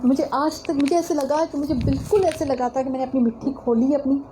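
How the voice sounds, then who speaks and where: A high, mellow-toned woman gives a religious lecture. She tells stories from her own life in an earnest way and keeps turning to her audience as she speaks. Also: fairly even intonation, slight background noise, poor audio. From Pakistan. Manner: earnest, storytelling, addresses listeners directly. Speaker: religious teacher. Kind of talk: religious lecture with personal anecdote.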